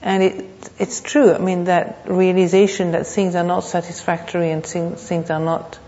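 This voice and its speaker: A woman gives an unscripted dharma talk as a meditation teacher, speaking reflectively and haltingly, with pauses and repeated phrases. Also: lowish voice, flat delivery, dark tone. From Thailand. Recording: muffled, reverberant hall.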